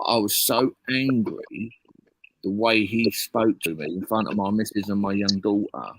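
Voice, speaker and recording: A man's voice: on the low side, a little slow, dry recording, rough recording. A man telling a rambling, swear-filled story on a casual live stream. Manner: heavy swearing, blunt rambling anecdote.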